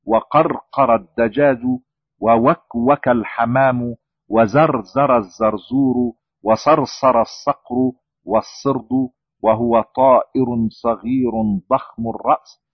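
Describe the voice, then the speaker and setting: A man reading out a lecture on words, slowly and deliberately, lifting his voice on each listed word. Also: medium pitch, expressive, no echo. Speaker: language lecturer. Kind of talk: scripted reading of a lexical lecture. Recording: dull lo-fi dry recording.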